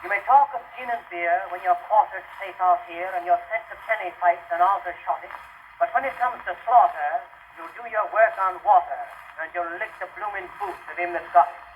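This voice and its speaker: A man's voice: sits high, brisk, phone-quality sound, close to an everyday voice. A man playing a boisterous British soldier in a hammy recitation of verse. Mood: storytelling, fervent. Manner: hammy theatrical stage declamation, shouting and swelling. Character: rough, boisterous old British soldier in India, reminiscing fervently. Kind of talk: 1920s dramatic verse recitation. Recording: scratchy band-limited 1920s acoustic record.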